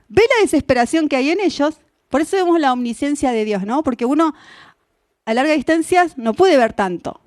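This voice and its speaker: A woman with an Argentine accent preaching a sermon in church, telling a Bible story in an animated way, acting out the characters and asking the listeners questions. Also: sits high, no echo, clean studio sound. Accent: Argentine Spanish. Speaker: missionary preacher.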